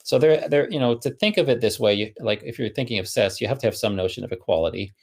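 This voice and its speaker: A man's voice: mid-range voice, expressive, fast, creaky, darkish tone. A man giving a technical conference talk, thinking aloud with many fillers and restarts. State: running out of breath. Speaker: conference speaker.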